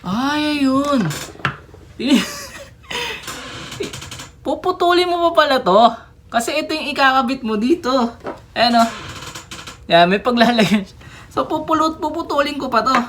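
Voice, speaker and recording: A young woman giving casual unboxing commentary on a figure, chatty, with excited exclamations and little giggles. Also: sits high, measured pace, pauses often, slight background noise. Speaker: toy reviewer.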